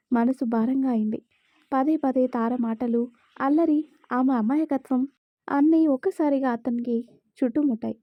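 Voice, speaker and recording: A woman's voice: high voice, no echo, dull audio. Woman narrating a romance story.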